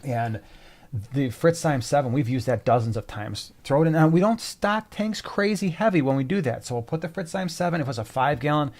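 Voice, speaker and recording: A man's voice: a little high, animated, fairly quick, darkish tone. A man co-hosting a casual live stream, chatty and joking while he answers viewer questions.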